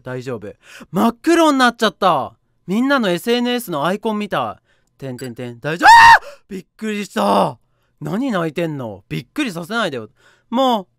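A woman talks through a game she is playing, reading its text aloud in a bright, tense voice. Her pitch swings widely, from low murmurs to sudden high squeals. The close mic sounds dry, with no room around her. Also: no room sound. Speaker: game streamer. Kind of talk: let's play commentary.

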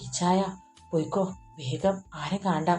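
A woman's voice: lowish voice, unhurried, a little mellow, faint music behind, close to an everyday voice. A woman voicing an anxious young heroine in a storybook romance, urgent and pleading.

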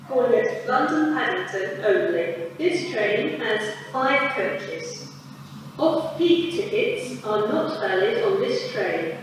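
Automated female station announcer, words spliced together, very slow and higher pitched, echoey loudspeaker with loud platform noise. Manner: measured, evenly clipped phrasing. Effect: spliced together prerecorded words. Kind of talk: automated public address announcements. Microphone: heard through station loudspeakers. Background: station ambience.

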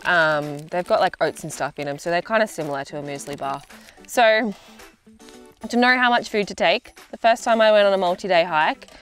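A young Australian woman talking casually to the camera outdoors, relaxed and chatty with frequent ums. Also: on the low side. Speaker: hiker presenting gear video. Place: outdoors in open bushland.

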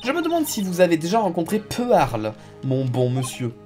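A woman's voice: lowish voice, wildly swooping pitch, darkish tone, faint music behind, voice pushed up. A woman reading game lines as a stern, haughty older mother who speaks formally and coldly. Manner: formal, cold, measured. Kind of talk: reading game dialogue aloud.

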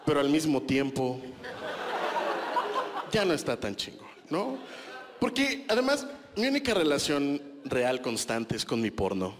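Working a live audience in a small club, a thirtysomething stand-up comedian with a Mexican accent speaks into a handheld mic. His set is chatty and self-mocking, peppered with crude slang, his pitch a touch high and swooping a lot, with long reverb following each line.

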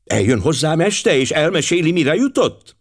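A man reading an audiobook, voicing a fussy, shrewd older male detective with a precise, gently ironic manner. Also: fairly high pitch, very animated, voice pushed up. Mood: wry. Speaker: audiobook reader.

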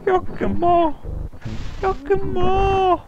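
Shrill, accusing horror-game mother who disowns her daughter, drawn-out and very high; a man plays her. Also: level tone, highs cut off, background noise, heavily acted. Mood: furious.

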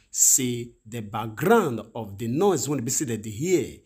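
A man's voice: mid-range voice, breathy edge. A man with a Nigerian Pidgin accent hosting a news commentary, talking in a rambling, repetitive way. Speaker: channel host. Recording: voice-over over news images.

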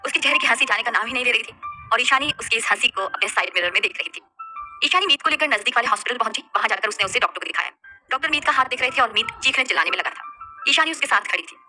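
Lively woman reading a love story, fast and bright, faint music behind. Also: on the high side. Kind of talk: scripted romance story narration.

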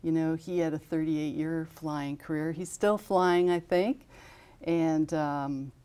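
American woman in her fifties, low pitch, mellow tone, steady informative studio guest, lapel mic. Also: takes it slowly, clear, resonant tone. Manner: steady, informative, with frequent fillers. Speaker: guest from an aviation safety foundation. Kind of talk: studio interview, listing honorees. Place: television studio.

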